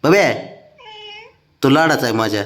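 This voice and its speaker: Animated man teasing his pets. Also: medium pitch, moderate pace. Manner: teasing, coaxing, sing-song baby talk. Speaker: pet owner talking to his cats. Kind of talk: playful talk to pets at home.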